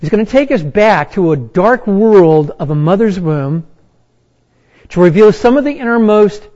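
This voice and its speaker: A man preaching a sermon, reading and explaining scripture with slow, emphatic pauses. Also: high voice, lively intonation, dark tone, dull audio. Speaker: pastor.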